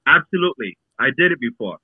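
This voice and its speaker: A man from Brooklyn calling in to a live talk show, heard over the phone like on speakerphone, speaking in a relaxed, assured way. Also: mid-range voice, quick pace, breathy edge, no echo. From Brooklyn, New York. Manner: relaxed, assured, repeats himself. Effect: heard over a phone call, like on speakerphone. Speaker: caller. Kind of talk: casual call-in chat. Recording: tinny, dry phone line.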